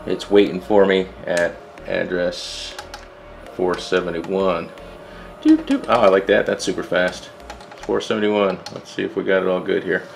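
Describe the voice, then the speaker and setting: A man's voice: low-pitched, flat delivery, moderate pace, gravelly, soft background music. A man reviewing DJ lighting gear in a casual, chatty vlog, thinking aloud as he sets up. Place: indoor room with DJ gear.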